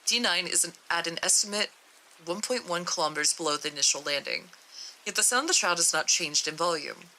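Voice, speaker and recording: A young woman streamer reading a horror article aloud, steady with small stumbles. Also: on the low side, brisk, slight background noise, rough recording.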